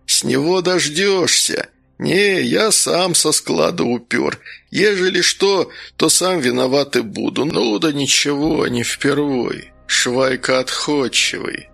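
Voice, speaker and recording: Audiobook: male reader doing a hoarse bearded soldier, gravelly and matter-of-fact. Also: a little high, slow pace, a bit bright, soft background music, exaggerated voice. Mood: wry.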